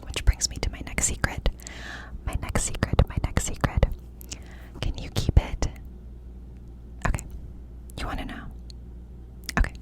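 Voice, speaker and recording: A woman's voice: measured pace, long pauses. A woman whispering breathily and close to the mic in an intimate, confiding ASMR chat, often repeating phrases. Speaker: ASMR creator. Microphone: close mic with cupped whispering.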